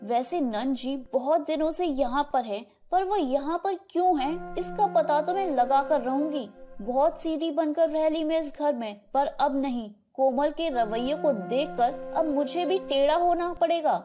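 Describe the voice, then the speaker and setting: A woman voicing a patient young daughter-in-law who speaks gently and pleads, with faint music behind. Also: sits high, a little slow, hardly any pauses. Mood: resolute.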